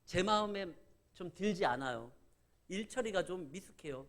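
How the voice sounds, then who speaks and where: Middle-aged pastor, Chungcheong accent, preaching in a high, lively voice, acts out dialogue in his stories. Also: moderate pace. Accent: Chungcheong Korean. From Korea. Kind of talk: sermon.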